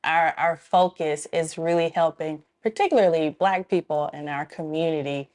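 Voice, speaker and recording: Her voice is low with a darkish tone, moving at normal speed. In a relaxed interview, this Memphis, Tennessee club co-founder comes across as warm and explanatory, with frequent laughter.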